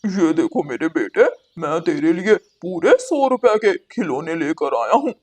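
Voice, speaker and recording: A performer voices a stingy, bossy male crow, a husband and father in a moral-story cartoon, giving him a curt manner. The mid-range voice is very animated yet measured in pace, and the mood is pleased.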